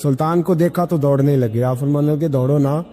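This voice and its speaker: Background music and hall echo surround a male preacher as he recounts religious stories during a sermon. His telling is animated, and he performs the characters' quoted speech with large pitch swings in this Islamic sermon.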